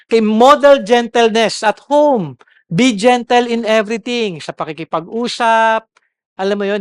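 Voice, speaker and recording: A man's voice: high voice, dry recording, clean studio sound. A man preaching a Sunday sermon as pastor, switching between Tagalog and English and checking in with the congregation. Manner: mixes Tagalog and English, keeps asking the congregation "okay?".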